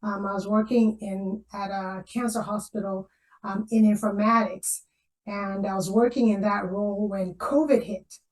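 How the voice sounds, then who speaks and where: A woman in her forties, a guest in a casual interview over a video call, animated and laughing often, repeating phrases for emphasis. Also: medium pitch, normal speed, poor audio. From Zambia.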